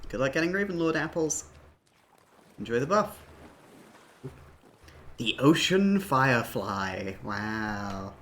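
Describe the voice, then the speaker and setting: A woman's voice: very deep voice, slow pace, pauses often. A woman streaming a video game, chatting casually and laughing often. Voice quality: laughs often, lively and playful. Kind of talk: casual gameplay chat.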